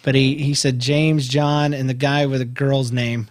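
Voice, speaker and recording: A man's voice: mid-range voice, little pitch movement, measured pace. A man hosting a casual comedic chat show, joking and often laughing. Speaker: podcast host.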